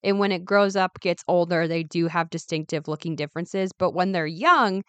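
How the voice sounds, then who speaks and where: A woman hosting a casual solo podcast, chatty and self-correcting, with a raspy, slightly gravelly voice, hoarse from a lingering cold. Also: on the low side, normal speed, dry recording. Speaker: podcast host.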